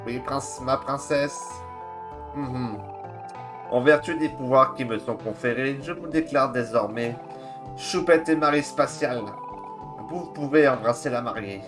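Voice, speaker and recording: A man's voice: mid-range voice, a little slow, over music, natural voice. A man voicing a servile male wedding officiant, solemn and deferential.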